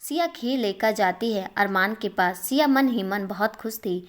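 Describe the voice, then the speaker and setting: A woman reading aloud a family love story in a plain, steady narrating voice. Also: medium pitch, moderate pace.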